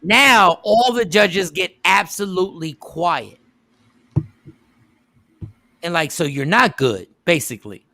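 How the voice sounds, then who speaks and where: A radio show host telling a story casually, with emphatic repeats and quoted voices. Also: male voice, high voice, lively intonation, slow, creaky, long pauses, bright, forceful tone.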